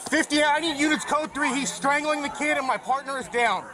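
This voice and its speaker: A police officer on a radio call, frantic and breaking voice, shouting urgent calls for backup. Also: male voice, extremely high pitch, steady tone, brisk, over music, rough recording. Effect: police radio transmission.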